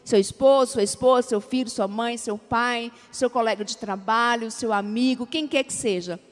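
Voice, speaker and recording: High-voiced Brazilian woman preaching. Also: normal speed. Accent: Brazilian Portuguese. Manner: engages the congregation with call-and-response; lively, acts out everyday dialogue. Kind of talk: sermon. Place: church sanctuary. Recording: long church hall reverb.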